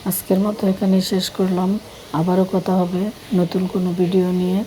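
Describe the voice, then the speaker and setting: Middle-aged woman vlogger, hoarse, low mellow tone, easygoing and rambling. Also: completely flat delivery, a little fast, a little hiss or hum, low-quality recording. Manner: easygoing, rambling, warm well-wishing to viewers. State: hoarse at night. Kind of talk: casual vlog narration.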